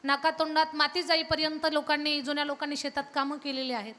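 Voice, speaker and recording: Tell the devotional story in a high, bright voice, hammering each phrase rhythmically as a woman preaching a kirtan, with the sound carrying long reverb through the hall. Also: flat delivery, fast talker. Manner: emphatic, rhythmic listing of phrases. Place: large temple hall, live event.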